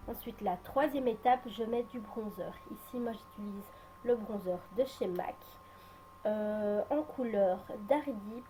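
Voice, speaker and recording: A woman's voice: fairly high pitch, dark tone, a little hiss or hum. A woman giving a casual makeup tutorial at home, hesitant and full of filler sounds and restarts as she talks through each step. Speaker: beauty vlogger.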